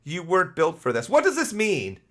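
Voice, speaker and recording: A man's voice: sits high, huge pitch swings, a little fast. A Canadian man giving casual, sarcastic live-stream commentary, swearing freely and greeting chat viewers by name. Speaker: gaming streamer.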